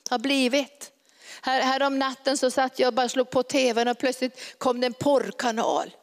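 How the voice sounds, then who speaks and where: Woman preaching hard, pretty high voice, big echoey church hall. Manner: fervent, emphatic preaching with dramatic pauses. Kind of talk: sermon. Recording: long reverb of a large hall.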